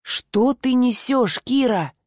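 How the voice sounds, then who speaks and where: A woman's voice: a little high, big pitch swings, normal speed, no echo, clean studio sound. Routek, a woman voicing a stern weary man. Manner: harsh, exasperated, scolding. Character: stern tired man scolding a young woman.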